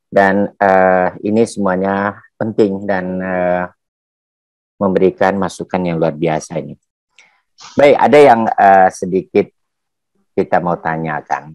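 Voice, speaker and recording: A man's voice: low-pitched, darkish tone, dry recording. Hesitant formal man asking a question. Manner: formal, hesitant, many fillers. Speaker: seminar participant asking a question.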